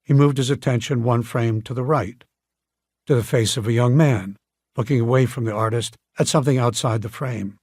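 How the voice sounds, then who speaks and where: A man narrates an audiobook in a measured, storytelling manner. His voice is husky and mid-pitched. The recording is close and dry. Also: a little mellow, no echo. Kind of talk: scripted narration.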